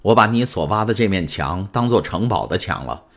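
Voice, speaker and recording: A man's voice: deep voice, lively intonation, brisk. A man voicing a guarded old prisoner. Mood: grave. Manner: questioning, guarded. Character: older secretive male prisoner, calculating. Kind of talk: audiobook character voice.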